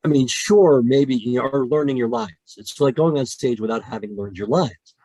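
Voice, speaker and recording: This man, a voice actor guesting on a casual podcast by call, speaks at medium pitch and a moderate pace on a dry recording. His talk is animated and passionate about storytelling, with many restarted sentences.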